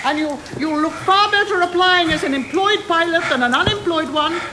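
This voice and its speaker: An actress playing a brisk, bossy, sharp-tongued older woman who runs a small airline, in a radio sitcom. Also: very high voice, slight background noise. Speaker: airline owner.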